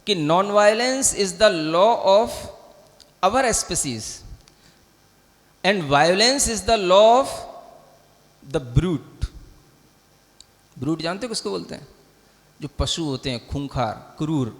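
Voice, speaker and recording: A man's voice: a little high, a bit bright. A man, a Jain monk, giving a sermon in a teaching manner, often checking whether his listeners understand and mixing English words into his speech. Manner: teaching, keeps asking listeners if they understand. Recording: long hall reverb.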